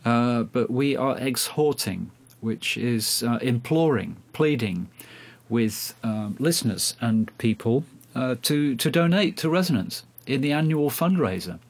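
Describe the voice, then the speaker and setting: A man's voice: mid-range voice, lively intonation, a little slow. A man hosting a radio programme in a hesitant, self-deprecating, chatty way, speaking into a handheld recorder like a dictaphone. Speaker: radio host. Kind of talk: casual chat. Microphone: speaking into a recorder during a phone call.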